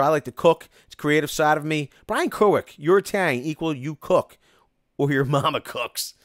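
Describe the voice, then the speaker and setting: Reading comments aloud on his live stream, a medium-pitched man chats casually and rambles, getting excited, restarting lines and saying "like" repeatedly. His close home mic sounds dry and studio quality.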